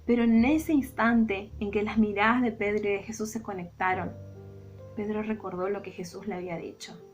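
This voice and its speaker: A woman with a Rioplatense Spanish accent, a Sunday school teacher telling a Bible story to children in an expressive, dramatic way. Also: medium pitch, normal speed, faint music behind.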